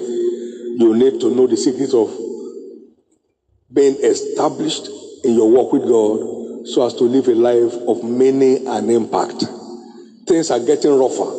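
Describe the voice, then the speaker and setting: A middle-aged man preaching a sermon on a handheld mic in a large church auditorium, slow and emphatic with drawn-out phrases and sudden high exclamations. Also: warm tone. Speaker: bishop preaching. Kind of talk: sermon exhortation. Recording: echoey hall reverb.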